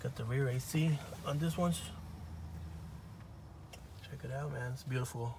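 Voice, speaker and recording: A man filming on a phone in a car lot, showing viewers a new car in a relaxed, offhand way. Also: mid-range voice, measured pace, creaky, noisy background. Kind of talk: casual walkaround video. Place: outdoor car dealership lot and inside a car. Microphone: phone held in hand while filming.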